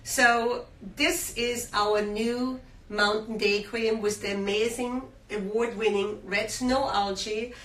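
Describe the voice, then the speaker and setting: Taking it slowly, an Austrian skincare brand host speaks in a rather high, steady, slightly bright voice. She hosts a live shopping-show interview with plenty of fillers and enthusiastic selling, recorded in a roomy space on a distant mic with a faint hum.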